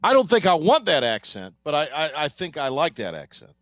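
A man's voice: fairly high pitch, wildly swooping pitch, a little fast, fairly bright tone, dry recording. A man hosting a sports radio segment, talking casually and rambling with many fillers and restarts.

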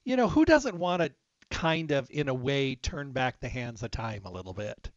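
Interview host, man, mid-pitched voice, enthusiastic and earnest; dry, slightly dull recording. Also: very animated, moderate pace, dry recording. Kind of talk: casual interview talk.

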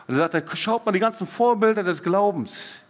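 A middle-aged man preaching a sermon, swinging between loud emphatic rises and soft quiet drops, often putting questions straight to the congregation. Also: high voice, lively intonation, a little fast. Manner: asks the congregation direct questions. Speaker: pastor. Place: church hall. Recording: long church hall reverb.

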